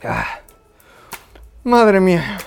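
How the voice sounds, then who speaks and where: A man's voice: high voice, big pitch swings, drawn-out words, music in the background. A man with a Mexican accent hosting a joking podcast, playful and slangy with theatrical turns. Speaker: podcast host.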